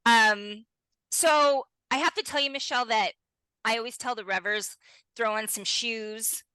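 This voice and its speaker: Peppy young woman hosting a podcast, bright high-ish voice, dry close sound. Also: a little slow, clean tone, no echo, low-quality recording. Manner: bubbly, exclamatory, addresses listeners directly. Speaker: podcast host. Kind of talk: enthusiastic podcast interview.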